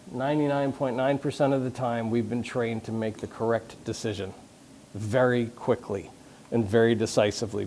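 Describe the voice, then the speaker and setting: A man gives a loose, conversational talk to a live audience at a company conference. He jokes, restarts his sentences and throws questions at the room. His voice sits in a plain middle pitch. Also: darkish tone, slight background noise. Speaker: conference speaker on leadership.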